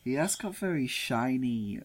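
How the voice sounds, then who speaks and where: A man's voice: mid-range voice, expressive, a little slow. A man co-hosting a casual podcast, joking dryly and leading the segments. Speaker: podcast co-host. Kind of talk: casual chat.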